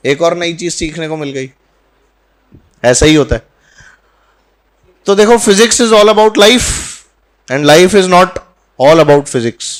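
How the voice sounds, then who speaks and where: A physics teacher talking warmly and jokingly to his students at the end of a course in a classroom, mixing in English phrases. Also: fairly high pitch. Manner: chatty and teasing, mixing Hindi with English phrases. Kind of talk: farewell talk to a class.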